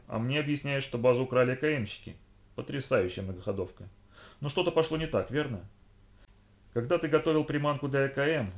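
A man voicing a cold, sharp young woman who interrogates a captive with icy, commanding reasoning. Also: medium pitch, natural voice.

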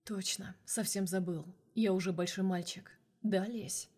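A woman reading an audiobook, voicing a teasing, flirty male boss in a low, hushed half-whisper. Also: steady tone, unhurried. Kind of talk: audiobook character voice.

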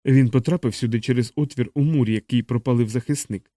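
A man voicing a grave, quiet male doctor. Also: mid-range voice, fast talker, no room sound, clean studio sound, close to an everyday voice.

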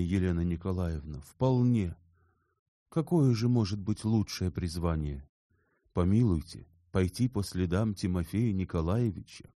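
A man's voice: low-pitched, dark tone, no room sound, studio quality, voice pushed up. A man doing a mild, bashful young scholar. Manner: mild, careful, a little bashful. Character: shy, earnest young male scholar. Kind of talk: audiobook character reading.

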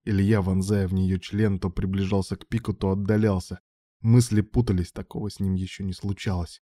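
A man narrates an audiobook in a steady storytelling manner. His voice sits low and mellow. The close-mic recording is dry. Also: a little fast, no echo. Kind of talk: scripted narration.

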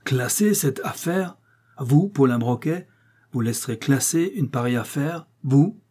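A man voicing an excitable, impatient American male detective who fires off insistent questions in an audiobook. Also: mid-range voice, normal speed, husky. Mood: incredulous. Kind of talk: audiobook character voice.

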